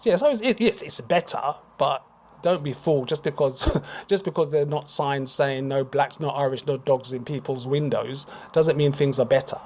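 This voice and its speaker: A British man speaking as a guest author on a radio talk show, explaining in a measured way and repeating words as he thinks. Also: mid-range voice, darkish tone. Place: radio studio.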